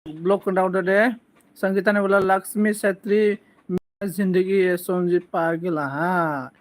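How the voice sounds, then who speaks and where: A man's voice: high voice, fairly even intonation. A man casually chatting on a live stream, reading out viewer comments and teasing them back, with frequent coughs. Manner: slow, playful teasing banter with frequent coughs.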